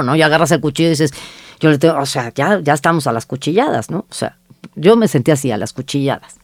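A woman's voice: deep voice, warm tone, dry recording, clean studio sound. A middle-aged woman, an agency founder recounting her story as an interview guest, quoting herself and others in dialogue.

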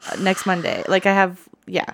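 A woman's voice: lowish voice, big pitch swings, moderate pace, vocal fry. A woman in her thirties co-hosting a podcast in casual chat, talking loosely with lots of "like" and frequent laughs. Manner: chatty, laughs often, says "like" a lot. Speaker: podcast co-host.

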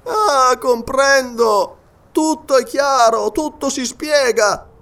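A man reading aloud and voicing an excitable, theatrical male scholar who declaims his explanations. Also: very high voice, normal speed, voice pushed up. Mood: agitated. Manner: exclamatory, declaiming.

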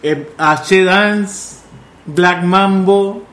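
A man's voice: sits high, very slow, fairly bright tone. A man co-hosting a casual podcast chat, teasing the others. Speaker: podcast co-host. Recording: roomy echo.

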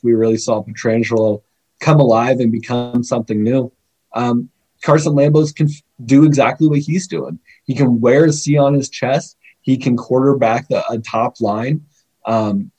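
Man, podcast guest; husky, middle pitch, animated and chatty. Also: rough recording. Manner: animated, laughs often, chatty. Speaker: scouting guest. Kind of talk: podcast interview.

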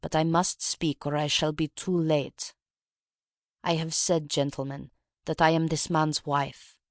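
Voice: medium pitch, little pitch movement, measured pace, no room sound, clean studio sound, close to an everyday voice. A reader voicing Anna, a proud Russian revolutionary woman. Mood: grave. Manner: grave, dignified, intense confession. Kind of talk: audiobook reading.

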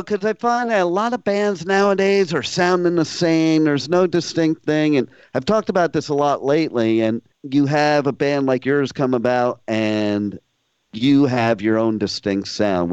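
Clear-voiced male radio host, dry sound. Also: medium pitch, normal speed, darkish tone, no room sound. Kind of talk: casual music interview. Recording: dry, slightly dull radio audio.

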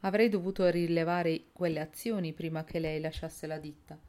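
A woman's voice: sits low, fairly even intonation, normal speed, darkish tone, natural voice. A woman voicing a cool, businesslike young woman.

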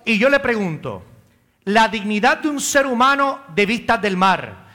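A man with a Caribbean Spanish accent preaches a sermon as a priest in church, his voice pitched high. He questions and answers himself and calls on members of the congregation by name, with a bright, forceful tone. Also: sing-song, a little slow.

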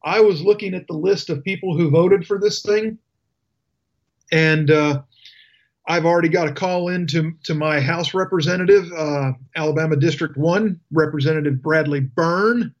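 A man's voice: a little high, moderate pace, muffled recording. A male talk radio host delivering an indignant, sarcastic political rant. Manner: indignant, emphatic ranting with sarcasm.

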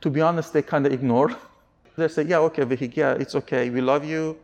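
A man's voice: on the high side, fairly even intonation, fast, darkish tone, dull audio. A man from Iran, giving candid interview answers in an earnest, searching way, often restarting his sentences.

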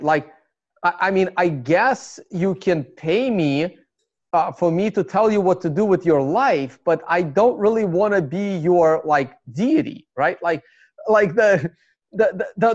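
This high-pitched man, a native Russian speaker from Russia with a Russian accent, talks casually as an interview guest in a rambling way, stumbling through fillers and restarts. There's no echo, and the sound is dry and slightly dull.

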